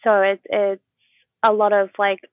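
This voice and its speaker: An English woman guest talks in a casual chat, laying out her points in a measured, explanatory way. Her voice sits at a middle pitch, and it is recorded dry and close. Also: monotone, dry recording, phone-quality sound. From England.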